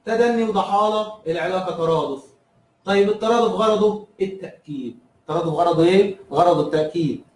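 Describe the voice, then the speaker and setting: Egyptian male teacher, high-pitched and quick, drills terms by repeating them, echoey room, off-mic. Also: darkish tone, far from the mic. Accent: Egyptian Arabic. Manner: asks and answers his own questions, repeats key terms. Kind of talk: recorded review lesson.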